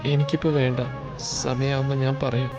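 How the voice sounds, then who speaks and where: A man voicing a timid young woman who speaks softly and stammers through tears. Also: medium pitch, level tone, moderate pace, highs cut off, close to an everyday voice. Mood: tearful. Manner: soft, hesitant, stammering. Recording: reverberant room with background music.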